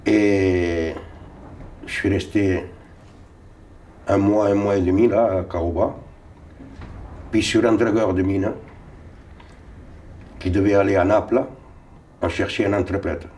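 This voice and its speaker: Recounting memories of the navy, an older interviewee from Tunisia, a native Sicilian speaker, rambles and frequently repeats or restarts words. He speaks slowly with long pauses, in a low, steady, darkish voice. The recording carries a little hiss or hum, and he is slightly far from the mic.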